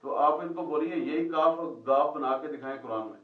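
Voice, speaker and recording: Recorded at a distance in class, a man teaching Quran Arabic questions his students and repeats their answers back. He speaks at a moderate pace in a voice on the high side, with an echoey room and narrow, tinny audio.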